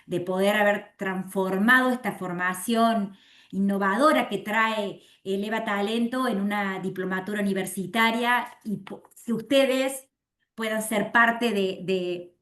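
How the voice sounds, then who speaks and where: A woman gives formal closing remarks on behalf of a university. Her voice sits at a middling pitch and carries a noticeable echo from the room. She speaks haltingly, with frequent restarts and fillers. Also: fairly bright tone. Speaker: university representative.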